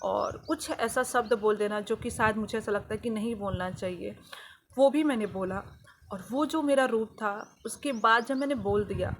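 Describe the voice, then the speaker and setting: A woman's voice: mid-range voice, normal speed, slight background noise. A woman vlogger telling a personal healing story in an earnest, confessional way, often repeating phrases for emphasis. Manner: spiritual, devotional.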